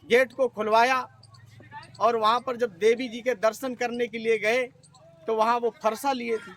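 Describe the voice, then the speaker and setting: A man's voice: extremely high pitch, flat delivery, measured pace, fairly bright tone. A man giving an earnest public speech at an organization's meeting and telling folksy stories to the audience. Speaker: speaker at an organization's review meeting.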